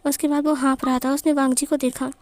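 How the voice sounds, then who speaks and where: A woman narrating a fan fiction story in a plain, steady way. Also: high-pitched, fast, no room sound.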